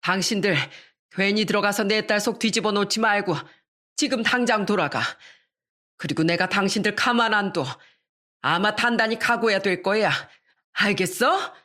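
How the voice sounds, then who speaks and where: A woman voicing a fiercely protective older mother who shouts in fury at her daughter's in-laws. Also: medium pitch, moderate pace, natural voice. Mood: furious. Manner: shouting, furious.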